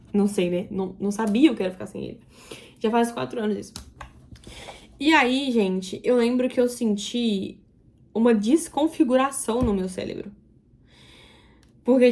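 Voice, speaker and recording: A young woman vlogger with a slightly high voice tells her own story straight to the camera. She speaks in an emotional, confiding tone and talks to her viewers as if to close friends. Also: darkish tone.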